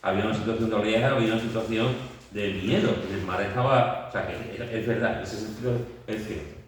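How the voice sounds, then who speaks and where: A man's voice: lowish voice, fairly even intonation, a little fast, a little hiss or hum. A man leading a Bible study, telling the story vividly with many fillers and restarts. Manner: vivid storytelling, acting out scenes with shouts and sound words. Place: church meeting room. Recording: very echoey room, mic far off.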